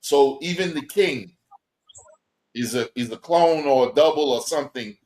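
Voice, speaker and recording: A man's voice: on the high side, normal speed, a little mellow, poor audio. A man co-hosting a casual chat, emphatic and rambling, making sweeping claims.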